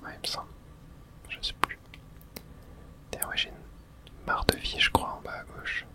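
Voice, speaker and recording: Reading game dialogue aloud for an ASMR playthrough, this whisperer keeps the sound hushed and unvoiced and moves at a measured pace.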